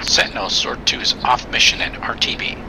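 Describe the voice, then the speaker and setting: A man's voice: brisk, natural voice. A man playing a businesslike fighter flight lead in a flight game, giving clipped, procedural military radio calls. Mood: calm, procedural. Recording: loud aircraft cockpit noise.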